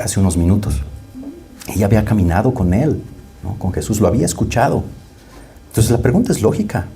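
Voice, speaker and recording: Low-voiced pastor giving a conversational sermon. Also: male voice, mellow. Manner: conversational, often asks "¿no?" to the congregation; restarts and repeats words while thinking aloud.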